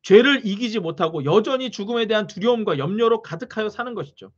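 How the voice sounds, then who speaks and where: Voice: medium pitch, fast, lo-fi sound. A pastor preaching a sermon, often asking the congregation questions. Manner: animated, asks the congregation questions.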